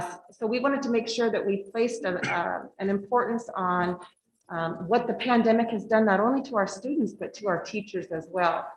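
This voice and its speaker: With slight background noise in an echoey meeting room, a medium-pitched woman, a school district director, addresses the board by reading her slides aloud, sprinkling in fillers and noting she has a big voice.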